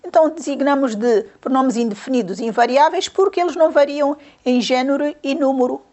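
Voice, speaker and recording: A woman's voice: sits high, brisk, a little mellow. A woman teacher giving a grammar lesson to young pupils, patiently repeating questions and counting syllables aloud.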